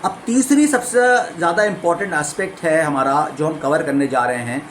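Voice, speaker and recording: A man with an Indian accent, an English trainer, explaining in a clear lesson style and demonstrating phrases by shifting the stress. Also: a little high, a little fast, slight background noise, rough recording. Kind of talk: course overview lesson.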